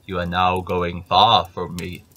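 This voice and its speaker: A man voicing a menacing old giant in a storybook reading, slow and booming. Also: flat delivery, bright, forceful tone, a little hiss or hum. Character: huge menacing old male giant, gruff.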